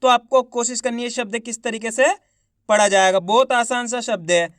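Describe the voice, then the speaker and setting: A man teaching children to read, sounding out each syllable slowly and then drawing out the whole word, while encouraging his viewers. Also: very high voice, steady tone, a bit bright, smooth, dry recording, clean studio sound. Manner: encouraging, addresses viewers as friends. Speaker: Hindi reading teacher. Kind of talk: online reading lesson.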